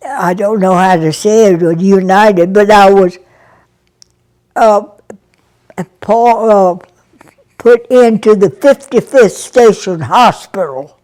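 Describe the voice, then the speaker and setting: Slow halting woman over a hundred. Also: mid-range voice. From Brazil. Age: over 100. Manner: halting, soft, pauses with many fillers. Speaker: interviewee, army nurse veteran. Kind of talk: interview reminiscence.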